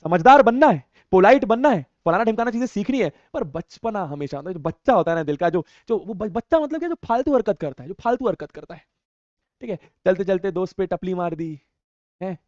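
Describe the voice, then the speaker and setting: A young man's high-pitched, animated, slightly mellow voice moves fairly quickly as he teaches an online class. Reading viewer comments in a laid-back live chat, he teases in a slangy, playful way. The sound is dull and dry.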